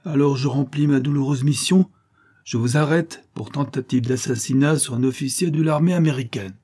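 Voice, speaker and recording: Cool steady detective guy, husky low tone, a man reading it. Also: lightly acted. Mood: firm. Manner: measured, firm. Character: calm, stern male detective.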